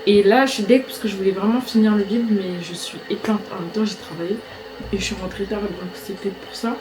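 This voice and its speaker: A woman's voice: mid-range voice, steady tone, fairly quick, poor audio. A young woman chatting informally and with youthful slang as a book vlogger, talking straight to her viewers. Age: young adult. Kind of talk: casual vlog chat.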